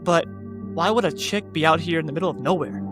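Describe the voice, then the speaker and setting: Man reading as a shaken young dude, high voice, slangy and cursing, faint music behind. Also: quick pace, close to an everyday voice. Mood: puzzled. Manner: slangy, swears, calls people bro and dude. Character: rattled young man, the narrator's buddy.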